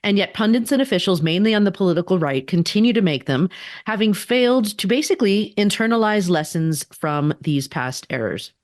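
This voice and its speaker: A woman's voice: mid-range voice, lively intonation, no room sound. Emphatic woman co-host, dry close sound. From daughter of immigrants. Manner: emphatic, quick asides, rhetorical questions. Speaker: podcast co-host. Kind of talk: casual political chat.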